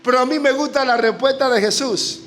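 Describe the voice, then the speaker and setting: High-voiced Panamanian man preaching fervently. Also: fairly quick, faint music behind. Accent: Panamanian Spanish. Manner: fervent, often shouting, rising to emotional peaks. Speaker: guest preacher. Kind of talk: impassioned sermon. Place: church congregation.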